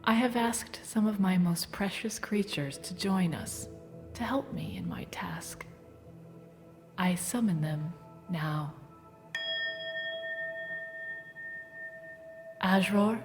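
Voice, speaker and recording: A woman playing a serene, motherly Earth Mother goddess in a guided-meditation audio drama, with a warm, soothing, softly breathed voice. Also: medium pitch, slow. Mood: serene, solemn. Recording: music bed behind the voice.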